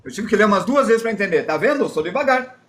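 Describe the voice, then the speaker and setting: High-voiced chatty Brazilian man teaching drawing. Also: lively intonation, fast talker, fairly bright tone, a little hiss or hum. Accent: Brazilian Portuguese. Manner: chatty, self-deprecating, explains while drawing. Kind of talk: live drawing lesson, reading chat.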